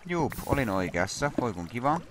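A man's voice: medium pitch, sing-song, very noisy. A man casually commenting on his own gameplay, rambling and self-mocking with lots of fillers. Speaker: gaming channel host. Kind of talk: casual Minecraft let's play commentary.

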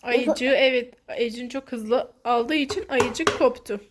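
Casting: female host for kids' craft videos, high voice, encouraging, child-directed casual commentary. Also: unhurried, background noise. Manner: encouraging, guides a child with questions.

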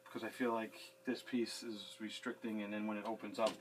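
The audio is poor, with a little hiss or hum, and the man's voice is on the low side, level in tone and brisk. A handyman in his thirties, he works on a sink in a small basement room, chatting casually, rambling, and swearing freely for a how-to video recorded by a fixed camera a few feet away.

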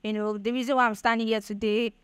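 A woman's voice: on the high side, little pitch movement, fast, smooth, dry recording. A young woman with a Nigerian accent giving a chatty motivational talk to an audience, often checking "do you understand?". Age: young adult. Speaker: speaker at a Bitcoin event.

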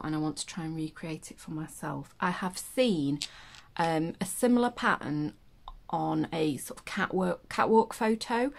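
A woman sits in a chair at home, chatting casually as she goes through a sewing magazine. Her talk is loose and friendly, full of restarts and playful asides. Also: lowish voice. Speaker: sewing vlogger reviewing a pattern magazine. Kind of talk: casual chat. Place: indoors at home, seated in a chair.

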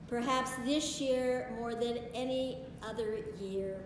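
A woman in her sixties preaching a sermon from a pulpit in a large stone church, in a slow, measured way with solemn pauses. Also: fairly high pitch. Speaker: pastor. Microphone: far camera. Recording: echoey church from far off, hiss.

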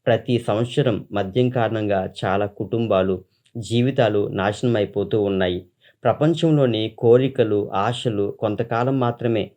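Male pastor with a low voice, reading a testimony in an earnest, solemn sermon style. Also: a little slow, mellow.

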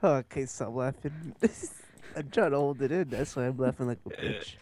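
A woman playing a game alongside a host, swearing and laughing excitedly. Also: rumbling low, moderate pace. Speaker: co-player. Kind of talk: casual gaming chat.

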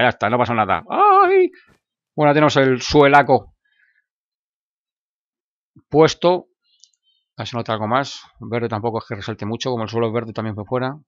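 A man's voice: on the low side, fairly bright tone, no echo, lo-fi sound. A man with a Spain Spanish accent, chatting playfully through casual gameplay commentary and making silly sound effects. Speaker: gaming YouTuber.

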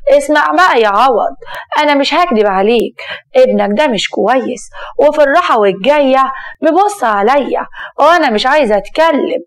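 A scheming con woman with a bit of a high voice, sly and coaxing, sharp tongue on her, a woman doing her in an egyptian storytelling video. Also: lively intonation, fairly quick. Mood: defiant. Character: scheming young woman con artist, brazen.

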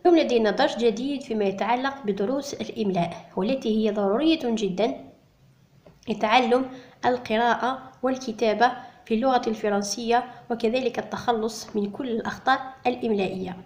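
A woman teaching a beginners' dictation lesson, slowly repeating each word with careful pronunciation. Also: on the high side, darkish tone. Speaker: French teacher. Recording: echoey room.

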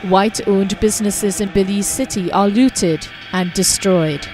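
Lady doing documentary narration, mid pitch, steady and measured, music playing under. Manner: measured, clear documentary delivery. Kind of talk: scripted narration.

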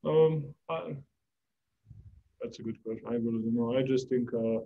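A young male basketball player answering postgame press questions calmly, searching for words, in a press room. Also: normal speed, creaky, narrow, tinny audio. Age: young adult. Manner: calm, low-key, searching for words. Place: press room before a sponsor backdrop.

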